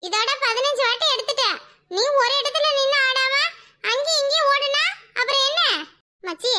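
A woman's voice: very high-pitched, sharp tone. A woman voicing cheeky, quarrelsome young boys in a cartoon, teasing and bickering over a phone. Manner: squabbling, teasing banter. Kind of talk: cartoon voice acting.

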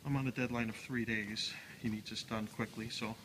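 A Chicago-accented remodeling contractor with a lowish voice and fairly even intonation walks through a large unfinished factory bathroom, explaining the job plainly and matter-of-factly, a little fast, with lots of fillers. It's filmed on a handheld phone in an echoey empty room with noisy background.

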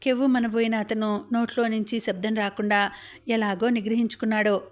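A woman narrating a first-person novel as an audiobook, in a steady, even reading. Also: on the high side, a little fast.

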